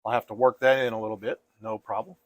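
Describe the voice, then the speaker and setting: A man teaching painting step by step in a casual, gentle and reassuring way, like an easygoing instructor. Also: fairly low pitch, level tone, quick pace, no room sound.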